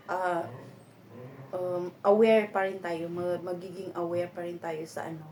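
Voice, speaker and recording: A woman's voice: lowish voice, noisy background. A middle-aged woman from the Philippines chatting casually to her viewers, rambling with many fillers and restarts. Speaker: vlogger.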